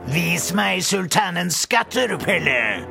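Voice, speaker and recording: A man voicing a vain, bossy male pirate captain in a storybook audiobook, gravelly and commanding. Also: big pitch swings, bright, forceful tone, exaggerated voice. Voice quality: gravelly, high and strained. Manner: commanding, boastful. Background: music.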